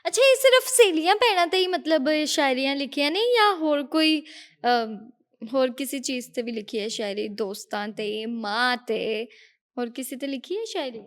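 A woman with a high, light voice who interviews a guest. She keeps the talk casual, pressing him with questions and teasing him a little. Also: expressive, normal speed, big-room sound.

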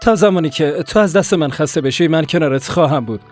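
A man's voice: on the high side, a little mellow, soft background music, lightly acted. A man voicing a harried young husband who pleads with his mother in a dubbed TV drama. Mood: tender. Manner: pleading, defensive.

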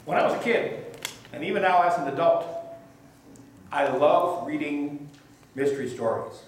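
A middle-aged male pastor telling a children's sermon story slowly and gently to puppets, at a lectern in a small church. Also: a little high, slight background noise. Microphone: fixed camera a few feet away, lectern mic. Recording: echoey church from some distance.

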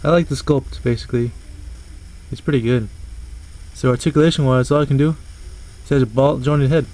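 Man, casual toy review, rambling, self-correcting, swears offhand, mid-pitched voice. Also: steady tone, normal speed, darkish tone, low-quality recording. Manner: rambling, swears casually, stumbles over words.

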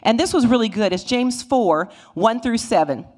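A middle-aged woman teaching a Bible lesson in a church sanctuary, speaking into a handheld microphone and retelling the stories with lively voices for the figures. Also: on the high side, moderate pace. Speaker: Sunday school teacher.

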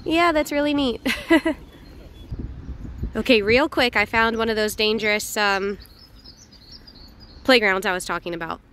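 A woman vlogging casually while walking outdoors through an old town, chatty and slightly hoarse, with lots of fillers. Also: fairly high pitch, unhurried, pauses often, fairly bright tone, slight background noise. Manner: chatty, laughs often, hesitant fillers. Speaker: travel vlogger.

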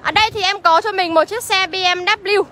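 A woman's voice: very high-pitched, steady tone, a little fast, bright, forceful tone. A woman with a Northern Vietnamese accent livestreaming from a used car lot, chattily rattling off car features and prices. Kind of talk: livestream sales pitch.

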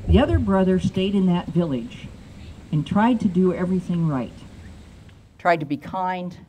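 An older woman preaches at an outdoor lectern, holding a microphone close. She tells simple stories in a plain conversational way. She slows deliberately on the phrases she wants to land. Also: on the low side, expressive, dark tone, a little hiss or hum. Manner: storytelling sermon with slowed emphatic phrases. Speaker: pastor. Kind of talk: sermon. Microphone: handheld microphone.

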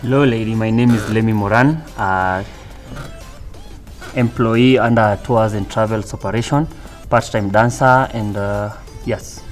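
A man's voice: fairly low pitch, fairly even intonation, measured pace, faint music behind. A Kenyan man in his twenties, answering confidently as a dating show contestant. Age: 20s.

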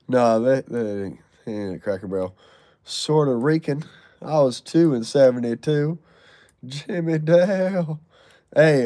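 A man's voice: mid-range voice, warm tone, no room sound, clean studio sound. Loose-talking man answering live chat. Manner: loose, profane, joking banter. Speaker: live stream host reading chat. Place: garage.

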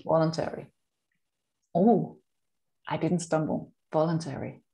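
A woman co-hosts a casual podcast chat with a lower voice and a gravelly, creaky edge. She rambles and laughs at her own slips, stopping often to correct her words. Her talk drifts loosely from one point to the next. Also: fairly even intonation, unhurried, mellow. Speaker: co-host.

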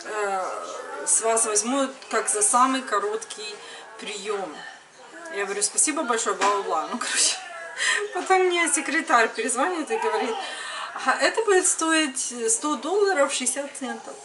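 Her voice on the high side and expressive at a normal speed, this mother in her thirties vlogs conversationally to camera about everyday exchanges. She starts in her home kitchen, then moves to another room indoors. The distant camera microphone captures a noisy room.

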